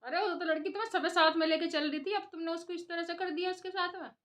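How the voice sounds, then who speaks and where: High-voiced woman scolding in a vlog. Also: fairly even intonation, fast, a bit bright. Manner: scolding, impassioned, repetitive. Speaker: vlogger. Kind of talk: opinion commentary to camera.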